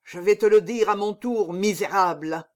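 A man's voice: high voice, normal speed, darkish tone, natural voice. A man reading aloud, voicing a vengeful young man disguised as a monk, cold and unforgiving. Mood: merciless.

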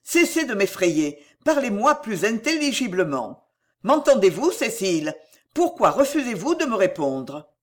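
Reader doing a pleading young guy from an old novel audiobook, deeper, earnest, begging. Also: sing-song, a little slow. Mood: imploring. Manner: earnest and imploring. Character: ardent young man, pleading and devoted. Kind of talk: audiobook reading of a classic novel.

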